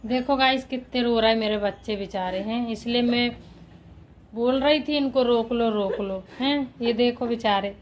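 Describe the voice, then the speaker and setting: A woman's voice: a little high, moderate pace, a little hiss or hum, rough recording. A woman in her thirties filming a family vlog, coaxing and soothing her crying children in casual talk. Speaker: vlogger and mother.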